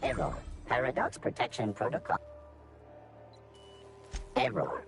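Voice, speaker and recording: Glitching robot. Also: male voice, on the high side, huge pitch swings, unhurried, vocal fry, heavily acted. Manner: clipped, mechanical announcements. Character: malfunctioning male ship robot, stuttering error messages. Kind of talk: video game dialogue. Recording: echoey game audio over music.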